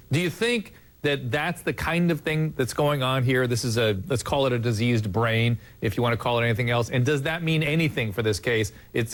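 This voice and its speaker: Male TV host, mid-pitched, earnest, stumbles and restarts while steering a panel. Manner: earnest, halting with frequent restarts. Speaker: TV talk show host. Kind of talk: broadcast panel discussion.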